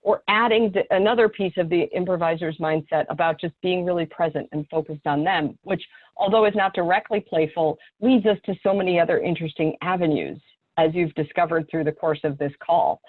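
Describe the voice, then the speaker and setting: A woman's voice: on the low side, a little fast, dry recording. A woman facilitating a group on a video call, inviting people to share. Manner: inviting, encouraging. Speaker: workshop facilitator. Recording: tinny dry phone-like call audio.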